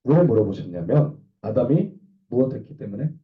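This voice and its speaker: A male pastor with a hoarse voice, giving a conversational sermon and asking his listeners questions. He sits a little back from the mic, and the recording sounds dull and muffled. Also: medium pitch, very animated, moderate pace, distant mic. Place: small church hall.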